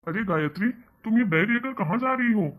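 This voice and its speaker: A man's voice: high-pitched, expressive, fairly quick, narrow, tinny audio. A man voicing a grumpy older father in a cartoon story, grumbling and scolding. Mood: surprised. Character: grumpy older father, husband of the mother-in-law. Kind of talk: cartoon voice acting.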